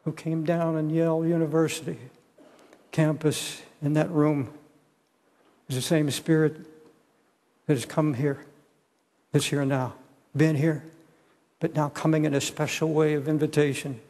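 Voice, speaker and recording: An older man preaching an earnest, pleading sermon, often halting and repeating his words. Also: fairly high pitch, flat delivery, mellow. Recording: long echo of a large hall.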